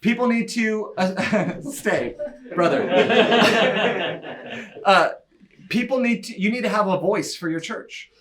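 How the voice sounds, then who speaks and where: A man giving an enthusiastic, chatty breakout talk at a church conference, with quick asides and laughs. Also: sits high, animated, a crowd in the background. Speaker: church media leader speaking at a conference breakout. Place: church breakout session room.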